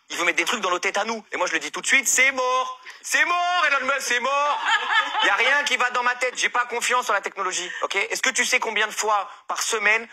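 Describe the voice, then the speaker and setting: A French comedian tears through his column in a high, husky voice. He sounds bright and cutting, all exasperated mock outrage. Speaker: comedian giving a humor column. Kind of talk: comic monologue.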